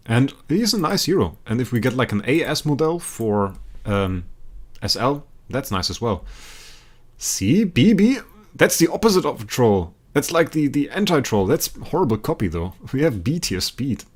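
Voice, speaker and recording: Playing on stream, a young German man chats loosely with viewers at a normal speed in a mid-range voice. His talk wanders and repeats, broken up by laughter and sudden excited outbursts.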